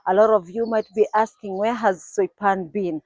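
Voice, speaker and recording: A Kenyan woman in her forties earnestly tells her life story to her channel's viewers, reflective and occasionally restarting. Her medium-pitched, slightly mellow voice keeps a fairly even intonation at a moderate pace. The recording is dry and muffled.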